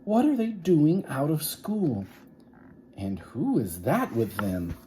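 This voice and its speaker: A man voicing a kindly but determined woman schoolteacher in a children's storybook, expressive and questioning. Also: fairly high pitch, takes it slowly, slight background noise, pitched above the performer's own voice. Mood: shocked.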